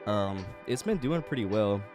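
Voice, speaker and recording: A young music producer with a fairly low voice and lively intonation gives a casual studio walkthrough at a moderate pace. He rambles, restarts often and leans on fillers, and his voice is congested and a bit nasal.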